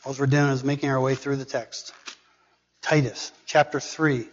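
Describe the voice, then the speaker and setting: A man preaching a sermon as pastor, earnestly reading scripture aloud with pauses. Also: mid-range voice, flat delivery, slight background noise. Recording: dull recording with long reverb.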